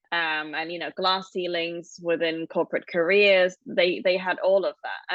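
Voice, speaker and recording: On this casual podcast, the Hong Kong co-host, a woman in her thirties, walks listeners through her family history in a reflective, explanatory way. She speaks with a lowish voice and a fairly bright tone, captured in dry, dull-sounding audio.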